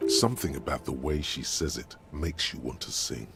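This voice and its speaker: An actor voicing a grave, deliberate game narrator who speaks as the hero's inner voice. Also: male voice, a bass voice, creaky.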